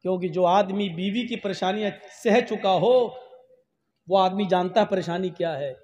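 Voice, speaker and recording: A man delivering a humorous religious sermon, telling stories in an animated, jokey way. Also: sits high, moderate pace. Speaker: preacher. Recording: long hall reverb.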